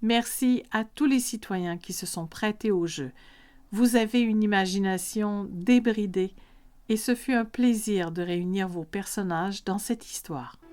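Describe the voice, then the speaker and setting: A woman's voice: mid-range voice, unhurried, darkish tone. A woman reading a scripted story as a podcast narrator.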